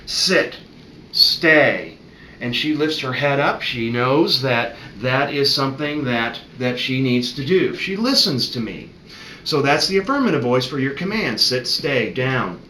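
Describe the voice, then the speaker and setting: A middle-aged man, a veterinarian, calmly explaining puppy training in an instructional video. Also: medium pitch, distant mic. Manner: calm, friendly explaining, demonstrating tones of voice to a puppy. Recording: echoey room with faint ambient noise.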